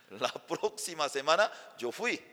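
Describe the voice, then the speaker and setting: A man's voice: fairly high pitch, big pitch swings, slow, bright, forceful tone. A male pastor, a native Chinese speaker, telling a sermon story with acted voices. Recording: long hall reverb.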